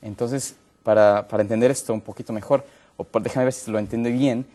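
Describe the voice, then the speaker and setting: A man's voice: mid-range voice, steady tone, a little fast, warm tone. A man who is a pastor hosting a health talk program, friendly, often restarting his words. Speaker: host and pastor.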